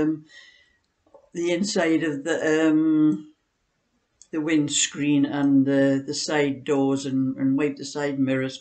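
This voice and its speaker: A knitting vlogger in her 60s chats casually from a sofa in her living room, rambling through anecdotes. Her voice sits low with a darkish tone.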